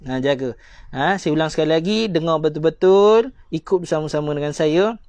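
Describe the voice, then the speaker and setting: Malaysian male Quran tutor, live class, raised voice, drawn-out letter demos, dry close sound. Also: on the high side, a little mellow, dry recording. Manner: addresses viewers as "tuan-tuan", drawn-out demonstrations of letter sounds. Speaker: Quran recitation teacher. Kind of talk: live-streamed recitation lesson.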